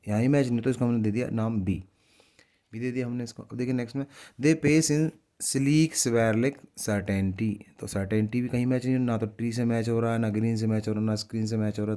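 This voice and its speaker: A man with a mellow, warm voice teaches a class. He explains each point patiently and with much repetition. He reads the poem lines slowly and stretches them out. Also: mid-range voice. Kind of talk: explaining a lesson in Hindi.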